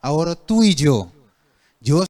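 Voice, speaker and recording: A man's voice: a little high, sing-song, slow pace, darkish tone. A male preacher giving a sermon who keeps asking the congregation questions and then answering them himself.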